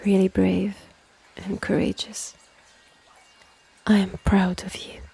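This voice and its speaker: Here the calm immortal healer and protective big sister of this ASMR fantasy roleplay sounds tender and hypnotic. The woman voicing her has a French accent and a mid-range, exaggerated, breathy voice that keeps sliding into whispers, all delivered slowly and soothingly.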